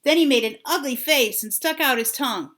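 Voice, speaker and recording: An older woman reads a children's story expressively. Her voice is bright and fairly high, and she draws out words for dramatic effect. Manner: deliberate, dramatic phrasing with drawn-out words. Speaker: grandmother reading a storybook aloud.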